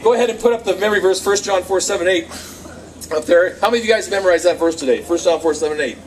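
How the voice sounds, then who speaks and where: A man giving a lively youth sermon, acting out quotes and laughing often, recorded on a camcorder from across the room. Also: high-pitched, very fast, slight background noise. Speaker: youth speaker. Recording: distant camcorder sound, faint crowd.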